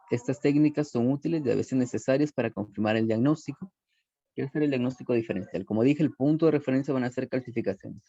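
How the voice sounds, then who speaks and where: A man works through a medical lecture from slides in a mellow, dark voice, listing terms one after another and often restarting a word. The sound is dull and muffled, with a dry, close feel and no room around him. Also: mid-range voice, creaky, dry recording. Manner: methodical, lists terms one by one with frequent restarts.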